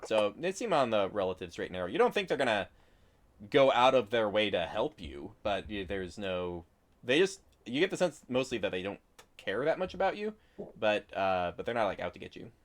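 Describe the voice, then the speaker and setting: A man with a lowish voice runs a tabletop game. He improvises his narration casually. He often feels his way through explanations with some hesitation. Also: big pitch swings, a little fast. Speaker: game master.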